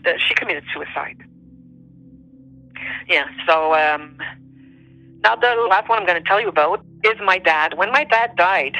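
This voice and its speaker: Low-pitched, bright and forceful, this woman's voice comes through a rough recording with no room sound. She's a non-native English speaker and interview guest telling personal stories conversationally, searching for words as if translating in her head.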